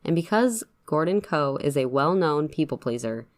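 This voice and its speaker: A woman's voice: low-pitched, animated, normal speed. A woman hosting a true crime podcast, telling the case in a chatty, profane way with sarcastic asides. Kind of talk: casual true crime storytelling.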